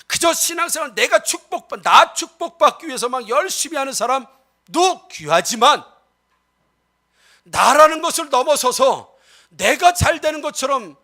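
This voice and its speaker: High, bright-voiced impassioned preacher man. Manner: impassioned preaching with rhetorical questions to the congregation; swings from loud exhortation to soft asides. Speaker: pastor. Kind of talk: sermon.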